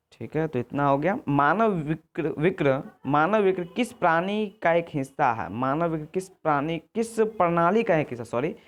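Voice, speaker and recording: A teacher going through exam answers, repeating points and often correcting themself. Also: medium pitch. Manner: repetitive, often self-correcting with "sorry"; checks in with "ठीक है" and "आगे देखिए". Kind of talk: exam answer walkthrough lesson.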